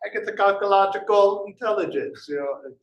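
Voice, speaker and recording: A man's voice: sits high, a little fast, lo-fi sound. A man giving a casual conference talk, quizzing the audience and laughing at himself. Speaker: conference speaker. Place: conference room. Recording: echoey hall, voice heard from a distance at times.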